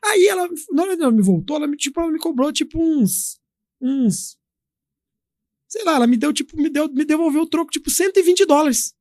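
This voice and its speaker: A man from Brazil, a guest in an interview, telling a story in a lively, chatty way with many fillers. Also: very high-pitched, fairly quick, no echo, clean studio sound. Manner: animated, acts out quoted voices, many fillers. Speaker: guest, company founder.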